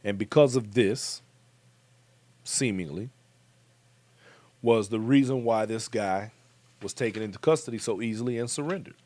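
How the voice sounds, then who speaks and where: Speaking at a normal pace but with long pauses, an American man with a lowish, darkish voice hosts a commentary show. He talks emphatically and straight to his viewers, captured in a dry recording.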